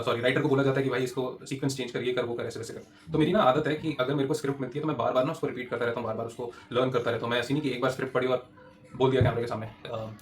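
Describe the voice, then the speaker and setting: A man in his thirties speaks at a quick, tumbling pace, mid-pitched and conversational. He shares tips with aspiring actors in a loose, animated coaching chat, full of fillers. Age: 30s. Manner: fast, chatty, animated storytelling with frequent fillers and laughs. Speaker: TV actor giving acting tips. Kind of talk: casual advice talk to aspiring actors.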